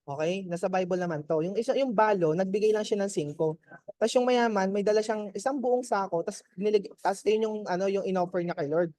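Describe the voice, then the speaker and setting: Mellow-voiced man giving a chatty testimony. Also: high-pitched, fairly quick, no echo. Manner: chatty, keeps checking in with "di ba?" and laughs. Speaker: mentor giving a testimony to his team. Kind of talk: Taglish motivational testimony.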